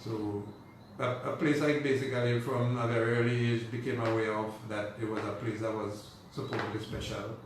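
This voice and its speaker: The very echoey room and distant mic make this recording noisy as a Dominican-accented man rambles casually through an interview, saying "you know" a lot. His mid-range voice holds a moderate pace with little pitch movement and hardly any pauses.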